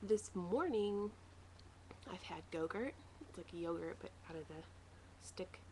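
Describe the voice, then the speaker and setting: Lower-voiced woman in a noisy, rambling video diary. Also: measured pace, darkish tone. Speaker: vlogger sharing a weight-loss surgery recovery diary. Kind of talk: casual personal video diary. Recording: noisy home video recording.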